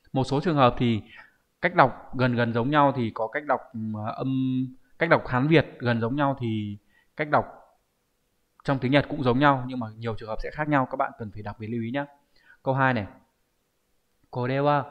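This Japanese teacher, a man with a Vietnamese accent and a medium-pitched voice, gives an online lesson walking through exam answers. He explains things and keeps asking viewers to confirm with rhetorical checks. The audio sounds dull.

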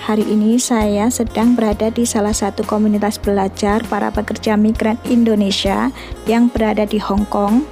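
A woman's voice: medium pitch, warm tone. A woman vlogger giving a friendly, upbeat voice-over introduction to her channel.

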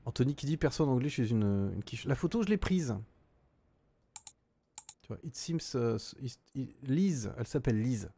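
A man's voice: medium pitch, expressive, a little fast, hardly any pauses, warm tone, breathy edge. A middle-aged man streaming a game live, reading out chat and thinking aloud with frequent hesitations.

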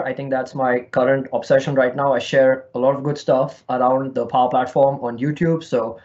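A man with a slight Indian accent, from India, gives a friendly, explanatory virtual conference presentation through an online call. The remote call mic makes his mid-range voice sound lo-fi.

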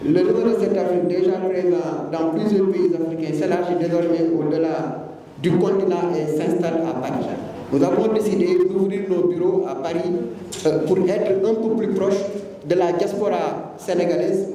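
Senegalese businessman, 40s, press-conference statement, earnest and emphatic, high dark voice, distant in a reverberant hall. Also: steady tone, moderate pace, slight background noise. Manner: earnest, emphatic, with frequent hesitations. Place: conference room. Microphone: handheld mic among a cluster of press mics.

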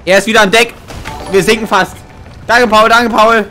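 A young man streaming a multiplayer game, chattering excitedly and urgently and often repeating his phrases. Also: sits high, normal speed, slight background noise. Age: young adult. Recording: game sound behind the voice.

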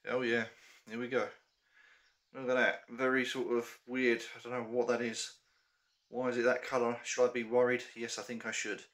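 A man's voice: mid-range voice, monotone, normal speed, a bit bright. A young man chatting casually to camera in a small room as he reviews a beer, hesitant with frequent ums.

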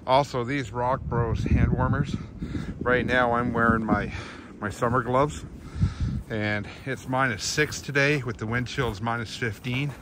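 A man's voice: medium pitch, fairly even intonation, unhurried, noisy background. A middle-aged man vlogging casually outdoors on a winter trail, talking earnestly with lots of ums and uhs into a phone held at arm's length. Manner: rambling, many fillers, earnest.

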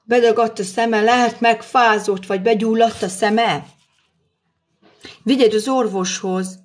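A middle-aged woman with a slightly high-pitched voice keeps up a chatty running talk into her phone. She thanks viewers and answers their comments while she cooks in a home kitchen. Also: fairly even intonation. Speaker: livestream host. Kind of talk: casual live-stream chat while cooking. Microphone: phone camera.

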